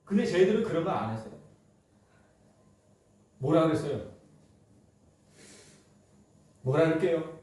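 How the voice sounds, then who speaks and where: Korean pastor preaching in an echoey church hall. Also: male voice, big pitch swings, moderate pace, long pauses, a little mellow, far from the mic. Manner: acts out quoted speech with rising pitch and emphasis. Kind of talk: sermon. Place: church sanctuary.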